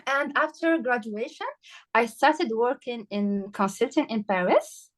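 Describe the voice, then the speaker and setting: A woman from Morocco, a health coach and podcast guest, talking through her story with many pauses, fillers and restarts, and some emotion. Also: fairly high pitch, lively intonation, low-quality recording. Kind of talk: casual interview conversation.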